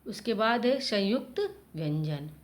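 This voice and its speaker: Slow-paced woman teaching schoolchildren. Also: mid-range voice, lively intonation. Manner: addresses children, spells out sounds one by one. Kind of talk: slow explanatory Hindi grammar lesson.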